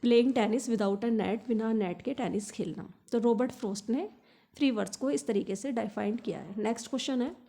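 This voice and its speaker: An Indian woman teaching for an exam, reading English lines slowly and explaining them quickly in Hindi. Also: fairly high pitch, creaky, warm tone. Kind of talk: exam-prep lesson.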